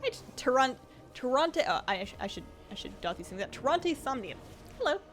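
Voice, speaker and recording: High, very animated and fast, this woman's voice is a bit bright. As she plays on her livestream she chats and rambles, reading viewer comments aloud, her voice slightly strained from talking so much.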